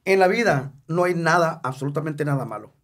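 A man's voice: a little high, expressive, brisk, a bit bright. A Mexican singer in his fifties, a guest in a casual interview, talking candidly and emotionally, joking and repeating words for emphasis. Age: 50s.

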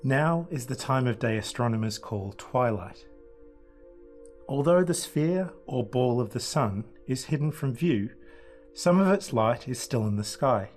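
A man's voice: mid-range voice, expressive, measured pace, darkish tone, faint music behind. A man speaking as an astronomer and guest guide, giving a scripted, explanatory planetarium narration.

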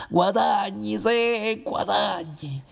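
A man's voice: high voice, very noisy, exaggerated voice. A man playing a mocking talking confessional. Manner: teasing, dialect-flavored, drawn-out. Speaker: actor.

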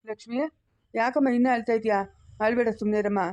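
A woman's voice: fairly high pitch, fairly even intonation, fast, darkish tone, natural voice. A woman playing a kindly, motherly village woman in an amateur family drama, pleading and soothing.

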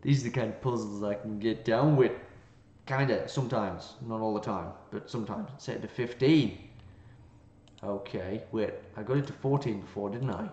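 With a voice on the low side, a little mellow, and at normal speed, a gaming host plays through a game, narrating its text and cracking playful asides. The audio is roomy and slightly dull, with game music underneath.

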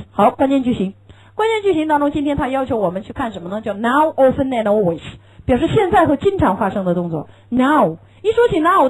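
Female English teacher, lively high voice, lectures with questions to the class, spells out pronunciation slowly. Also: poor audio. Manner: asks the class questions and answers them herself; slows down to demonstrate English pronunciation.

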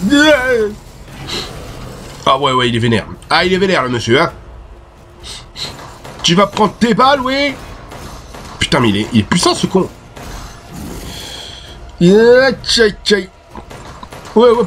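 A French-accented man commenting on his gameplay as he plays. His voice sits slightly high, and he gets excitable, swearing and shouting at the enemies. Faint game sounds run behind him. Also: slight background noise. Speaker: gaming video host.

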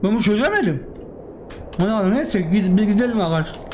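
A man hosting a horror game let's play, jumpy and excitable, blurting frightened exclamations and muttering prayers under his breath. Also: high-pitched, fast, a little hiss or hum. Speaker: gaming channel host.

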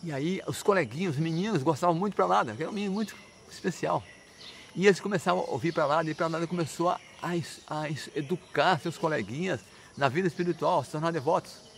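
A man's voice: a little high, quick pace, vocal fry, slight background noise. A man retelling a religious legend in a chatty, casual way, full of tag questions and small laughs. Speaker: religious storyteller.

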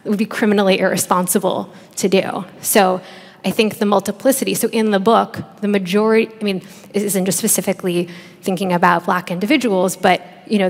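Woman, 30s, panel researcher; searching, filler-heavy delivery; big reverberant hall. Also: medium pitch. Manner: thoughtful, many fillers and restarts. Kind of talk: panel discussion answer. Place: large conference stage. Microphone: headset mic. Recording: long reverb of a large hall.

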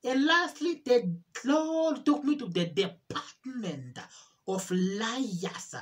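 A woman with a fairly high voice gives an emotional religious testimony. She repeats phrases over and over, pleading, and her voice climbs into cries as she stumbles through restarts. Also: expressive. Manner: repetitive, pleading, voice rising into cries; halting, with restarts. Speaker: testimony speaker.

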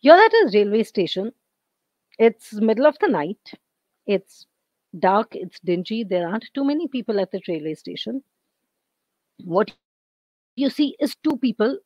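An Indian English woman gives an online lecture, explaining step by step. Her voice is hoarse and she keeps clearing her throat. The computer-mic audio is dry and a little dull. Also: mid-range voice, no room sound. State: losing her voice.

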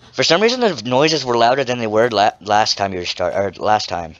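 A man's voice: lowish voice, lively intonation, moderate pace. Teen male co-player, slight lisp, rambling and giggly, lo-fi recording. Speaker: co-player guest. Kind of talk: casual game chat. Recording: dull, muffled mic.

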